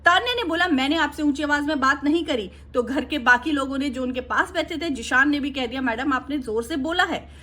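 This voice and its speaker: A woman's voice: high-pitched, brisk, few pauses, pushed and bright. A woman giving opinionated casual commentary on a reality show, retelling events with her own asides.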